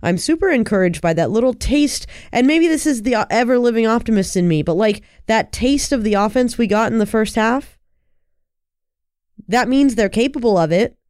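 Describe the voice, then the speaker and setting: A man's voice: very high-pitched, lively intonation, normal speed, darkish tone, clear, resonant tone, dry recording, studio quality. A man co-hosting a sports podcast with casual, earnest commentary, repeating phrases for emphasis while under the weather with a cold.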